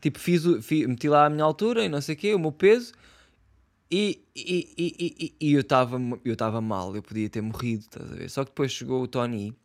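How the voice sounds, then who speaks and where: A man's voice: medium pitch, brisk. A young man with a European Portuguese accent, ranting casually in slangy, swear-filled talk with lots of fillers. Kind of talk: casual rant.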